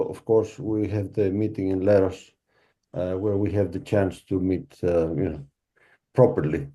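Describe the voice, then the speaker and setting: A man hosts a group video call and talks slowly with many pauses. His voice is very dark and mellow. He hesitates and fills his gaps with ums and uhs. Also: medium pitch. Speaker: meeting host. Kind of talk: casual online meeting chat.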